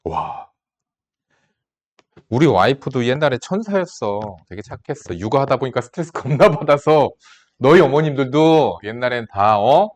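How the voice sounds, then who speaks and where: Casual: guy teaching a math class, jokey big-brother vibe, really lively up-and-down voice. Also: medium pitch, moderate pace. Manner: casual, teasing, talks down to students like a big brother. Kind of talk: classroom lecture with side stories.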